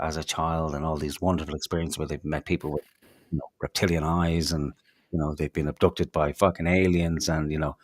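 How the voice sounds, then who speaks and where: A man's voice: sits low, no echo, studio quality. A man, co-hosting a podcast, telling rambling stories in casual chat with lots of fillers, restarts and swearing. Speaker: podcast co-host.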